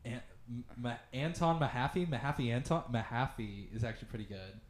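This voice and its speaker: A man's voice: mid-range voice, brisk. A man in his twenties from Kansas, an easygoing, joking podcast guest in casual chat. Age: 20s.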